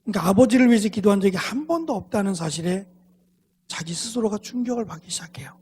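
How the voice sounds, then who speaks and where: A pastor telling a story in a sermon, dramatic and often dropping to hushed near-whispers, in a church sanctuary. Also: male voice, high-pitched, animated, fast, breathy edge. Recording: long hall reverb.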